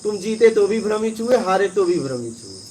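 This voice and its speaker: A man's voice: sits high, very animated, fairly quick, darkish tone, a little hiss or hum. A man giving a conversational spiritual discourse, telling parables and often checking in with his listeners. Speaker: spiritual teacher.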